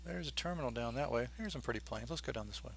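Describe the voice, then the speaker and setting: A man streams a flight simulator, talking through each step in an informal, think-aloud way. His voice is mid-pitched with a noticeable creak. A light hum sits behind his commentary. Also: animated, quick pace.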